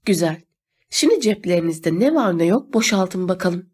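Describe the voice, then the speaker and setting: A woman voicing an armed male robber who gives slow, menacing commands in a storybook reading. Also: lowish voice, lively intonation, a little mellow, breathy edge.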